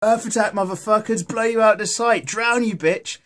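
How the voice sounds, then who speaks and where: A loud, mock-cartoonish kid hero yelling attacks, as a man puts it on. The voice sits high and is pushed hard and forceful. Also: normal speed. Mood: brash. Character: cartoon eco-kids hurling brash elemental attacks.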